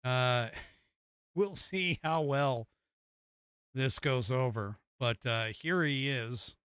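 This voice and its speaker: An American man hosting a casual political commentary show, talking haltingly as he thinks aloud and reads out news. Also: medium pitch, a bit bright, clear, resonant tone, no echo, clean studio sound.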